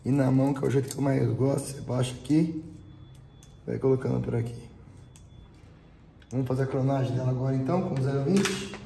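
A middle-aged man with a Brazilian accent demonstrates airsoft gear, speaking a little fast but with long pauses, his mid-range voice gravelly, dark-toned, thin, cracked and reedy, with fairly even intonation. The product reviewer stays informal and explanatory, relying on tag questions, in a shop and small range room recorded with roomy echo and faint background noise.

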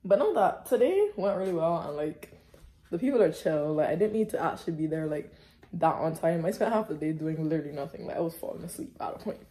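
A woman's voice: low voice, big pitch swings, quick pace, mellow. Chatty young woman vlogging to her phone. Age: young adult. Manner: chatty, filler-heavy, upbeat. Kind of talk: casual vlog chat to camera. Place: small apartment indoors. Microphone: phone camera at arm's length.

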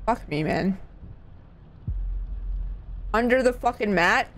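A woman's voice: medium pitch, lively intonation, slow pace, fairly bright tone, slight background noise. A woman streamer giving casual live commentary on a horror game, nervous and scared, with playful, sweary reactions. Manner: sweary, exclamatory; playful, jokey asides.

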